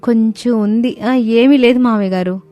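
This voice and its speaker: Lady voicing a sweet meek young daughter-in-law, soft and polite. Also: on the high side, moderate pace, soft background music, close to an everyday voice.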